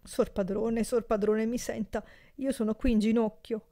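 A woman's voice: on the high side, little pitch movement, normal speed, mellow, pitched above the performer's own voice, close to an everyday voice. A woman voicing a terrified old porter begging. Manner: pleading, sobbing, breathless entreaties. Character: old male porter, frightened and pleading.

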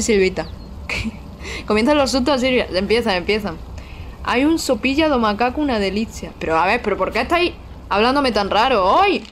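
A woman's voice: fairly high pitch, slight background noise. A young woman chatting casually with her live-stream viewers while playing, frank and swearing casually. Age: young adult.

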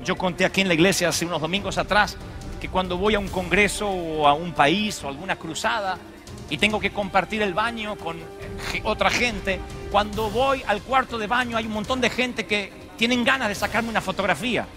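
Brief: pastor, high voice, lively joking sermon, music running under him. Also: male voice, moderate pace. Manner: animated and joking, acts out voices. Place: church.

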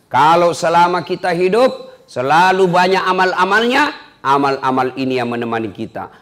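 A man's voice: fairly high pitch, fairly bright tone. A male preacher, giving a humorous storytelling sermon and playfully acting out the voices of characters.

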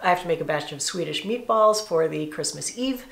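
Middle-aged woman, low voice, chatty, confiding, casual home vlog, lots of fillers. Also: animated, fairly quick, gravelly. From northeastern United States. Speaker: vlogger.

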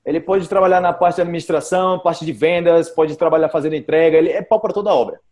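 A man's voice: fairly high pitch, fairly even intonation, fast talker, a little mellow. A Brazilian man teaching Portuguese expressions to a group over a video call. He explains patiently, repeats his examples and often checks with "ok?" and "cara".

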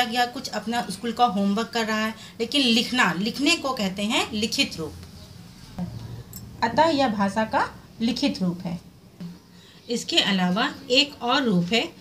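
A woman teaching with a fairly high voice, who poses a question to her class and then answers it herself. She explains slowly and step by step, like a revision lesson. Faint noise sits under the recording. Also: fairly bright tone. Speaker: Hindi teacher.

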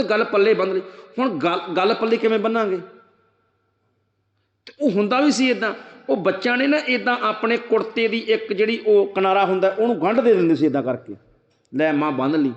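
A man with a Punjabi accent giving a sermon to a congregation, earnestly explaining and chanting scripture slowly. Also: high voice, expressive, lo-fi sound. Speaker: Sikh preacher giving katha. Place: gurdwara hall with congregation. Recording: echoey hall reverb.

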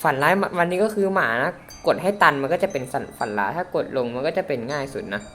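A man's voice: on the high side, animated, quick pace, fairly bright tone, a little hiss or hum. A man hosting a gaming channel, chatting to his viewers through let's play commentary with sudden startled exclamations.

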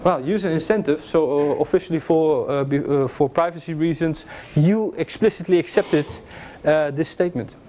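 A young adult man gives an informal security lecture with slides to a class, joking around with many fillers and restarts. A far camera in the classroom, which has a projector screen, captures his slightly high, dark-toned voice at a moderate pace with few pauses, amid slight background noise.

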